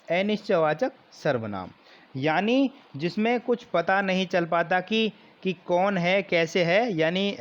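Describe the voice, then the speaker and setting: A man teaching a grammar lesson for exam preparation, explaining slowly and repeating key terms. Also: high-pitched, highs cut off.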